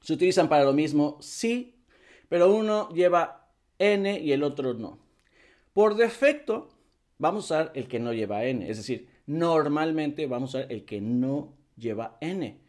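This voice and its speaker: A man teaches an English grammar lesson, repeating example words again and again and checking in with a quick "ok?". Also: a little high, animated, darkish tone.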